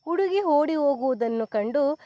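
Woman storyteller, unhurried children's story reading, fairly high voice, dry close recording. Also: no echo. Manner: slow, clear, expressive storytelling.

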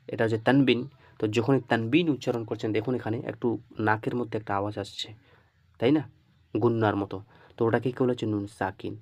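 A man's voice: fairly low pitch, a little mellow, dry recording. A man teaching Arabic reading marks. He asks his listeners questions, answers them himself, and keeps checking that they follow. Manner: repeats checks like "okay?" often. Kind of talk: screen-share lesson.

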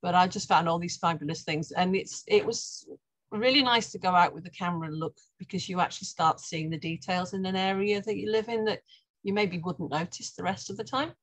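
A woman's voice: lowish voice, a little fast, dry recording, poor audio. A middle-aged woman, a guest artist talking through her slides on a video call, chatty and often restarting her sentences. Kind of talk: presenting slides in an online talk.

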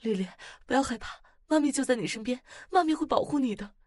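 A woman's voice: high voice, expressive, fast talker, a little mellow, no room sound, voice pushed up. A woman voicing a worried mother who soothes and pleads with her frightened daughter. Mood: anxious soothing. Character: anxious, tender mother comforting her daughter.

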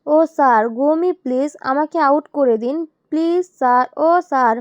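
A woman's voice: high-pitched, expressive, slow, a little mellow, no echo. A woman doing a wailing young pickpocket girl. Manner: wailing, pleading, broken English. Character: whiny young female pickpocket in a cell. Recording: dull lo-fi, dry.

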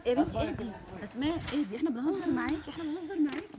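A woman hosting a prank show, calmly reassuring the victim that it was all a joke. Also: high-pitched, rapid-fire, over a noisy crowd. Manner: soothing, reassuring. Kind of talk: hidden-camera prank reveal.

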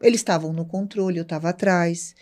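A woman's voice: lowish voice, brisk. A woman with a Brazilian Portuguese accent tells a personal story on a podcast. She talks casually and acts out each speaker in the dialogue she recalls. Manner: lively storyteller, acts out both sides of remembered dialogue. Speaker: podcast guest.

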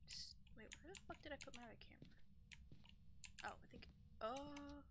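A woman's voice: sits high, fairly quick, background noise. Jumpy woman streamer mumbling through a game. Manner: jumpy, swears, mumbles while playing. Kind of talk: casual gameplay chat.

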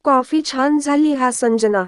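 A woman voicing a sharp-tongued young daughter-in-law who teases the men of the house. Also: sits high, measured pace, smooth, dry recording, clean studio sound. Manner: teasing, tart.

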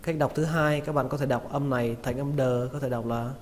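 A man giving a spoken vocabulary lesson, saying each word slowly and repeating it with care. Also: mid-range voice, steady tone. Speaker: English pronunciation teacher. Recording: long reverb with faint noise.

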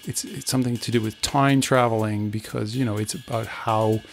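A man's voice: lowish voice, steady tone, fairly quick, gravelly, soft background music. A man hosting a podcast, musing reflectively with fillers as he introduces an interview. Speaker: podcast host.

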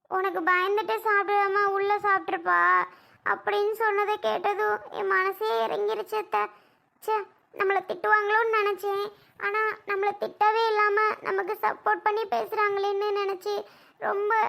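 A woman acts out a timid young wife in a home-made family drama. Her voice is very high and bright, and she speaks in an earnest, apologetic way. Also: creaky, heavily acted. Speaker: daughter-in-law. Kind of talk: family skit acting.

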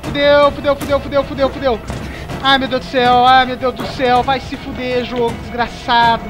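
Young brazilian guy streaming a horror game, scared and panicking, really high voice, swearing on repeat, game music behind. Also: level tone, moderate pace. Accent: Brazilian Portuguese. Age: young adult. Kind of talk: live gameplay commentary. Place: indoor room at home. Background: horror game music and sounds.

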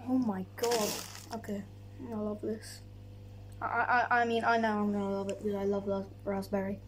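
A young woman from Poland reviewing snacks in a casual vlog, gushing excitedly while chewing and talking. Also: medium pitch, moderate pace, slight background noise.

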